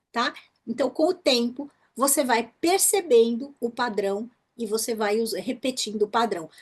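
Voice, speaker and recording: A Brazilian woman with a Brazilian Portuguese accent teaching English pronunciation in an online workshop, explaining patterns and demonstrating words slowly, often checking in with the listener. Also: fairly high pitch.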